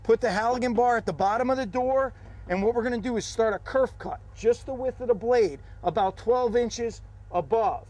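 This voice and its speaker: A man with a high-leaning voice walks through a hands-on fire drill outdoors. His delivery is practical and methodical, laying out each step of the technique. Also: normal speed, a little mellow. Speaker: fire service instructor. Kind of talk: instructional demonstration.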